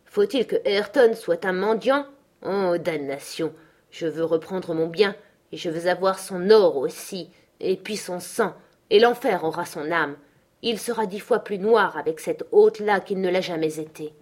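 A desperate man near madness makes dark threats, read by a woman. The voice stays low for a woman and loud. It is a menacing audiobook performance. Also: a little slow.

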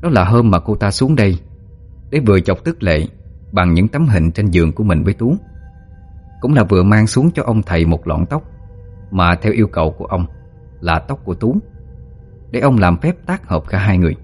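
A man narrating a ghost story in a steady, dramatic way. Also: sits low, normal speed, pauses often, husky, soft background music.

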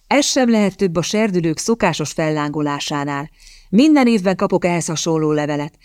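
The narrator voicing a reserved young earl and weary former soldier who speaks coolly and reluctantly. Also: male voice, on the high side, clean tone, no echo, clean studio sound, natural voice. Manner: cool, muttering, reluctant.

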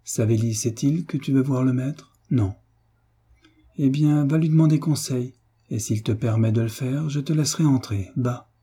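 A man voicing a gruff old male servant who grumbles under his breath, in a dark, husky voice. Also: mid-range voice, normal speed, pitched above the performer's own voice, close to an everyday voice.

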